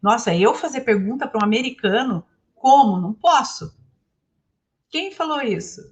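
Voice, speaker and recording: High-voiced Brazilian woman teaching English. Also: moderate pace. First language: Portuguese. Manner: animated, asks the audience questions. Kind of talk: lively talk to an audience.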